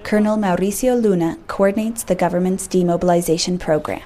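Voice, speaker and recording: Female radio reporter, steady scripted narration, mellow tone. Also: fairly low pitch, fast.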